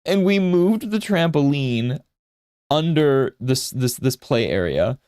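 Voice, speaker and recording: A man's voice: on the high side, expressive, takes it slowly, darkish tone, smooth, dry recording, studio quality. A man in his thirties giving a casual live art lesson while drawing, rambling into anecdotes and often checking in with "right?". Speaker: art streamer and instructor.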